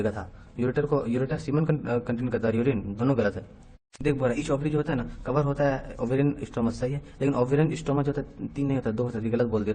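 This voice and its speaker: A man teaching a rapid exam revision lecture, mixing Hindi with English science terms and marking each statement right or wrong. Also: mid-range voice, a little mellow. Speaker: biology teacher.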